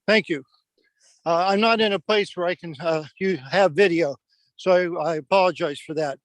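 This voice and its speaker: A man with a notably high voice speaks from afar through a group video call, offering a measured, sincere tribute with small pauses and restarts. His sound is dry and close to his own mic, with no room around it. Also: no room sound. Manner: sincere, measured, slightly halting. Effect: remote voice heard through a group call. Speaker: senior martial arts master giving a tribute. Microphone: own computer mic on a call.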